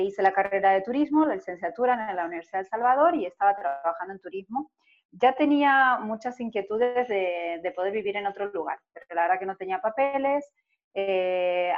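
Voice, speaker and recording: Reflective woman in her forties, interviewee, mid-pitched voice on a slightly dull lo-fi recording. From Argentina. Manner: reflective, frequent "eh" hesitations. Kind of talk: personal storytelling in an interview.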